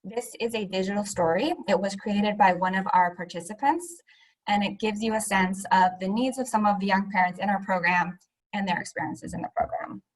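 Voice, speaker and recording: A woman presenting a public health program on a video call, measured and explanatory. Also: mid-range voice, fairly even intonation, slight background noise, rough recording. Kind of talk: webinar presentation. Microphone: laptop mic on video call.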